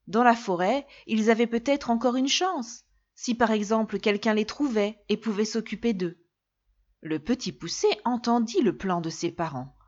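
A woman narrating a fairy tale in an expressive, clear storybook reading. The recording is dull and lo-fi. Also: medium pitch.

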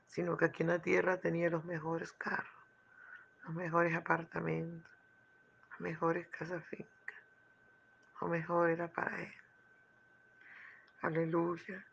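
A man preaching a sermon with fervent exclamations and hushed asides. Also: a little high, creaky, lo-fi sound, slight background noise. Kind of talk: sermon with a retold parable.

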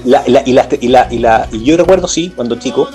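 Un hombre con acento chileno conversa de política en un pódcast, con muchas pausas y frases que se reinician. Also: male voice, medium pitch, mellow, faint music behind. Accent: Chilean Spanish. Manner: rambling, many restarts and fillers. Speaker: political podcast co-host. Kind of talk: casual political chat.

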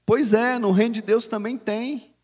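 Animated Brazilian preacher, high voice. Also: male voice, measured pace, husky, in a large hall. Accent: Brazilian Portuguese. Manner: animated and conversational, often calls listeners "dear". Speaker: bishop and preacher. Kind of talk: sermon.

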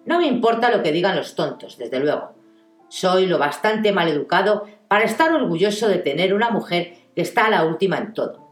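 A woman's voice: fairly low pitch, expressive, a little fast, close to an everyday voice. A woman reading aloud as a wealthy, sardonic, domineering husband, stressing each word with mocking deliberation. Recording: echoey room with faint music.

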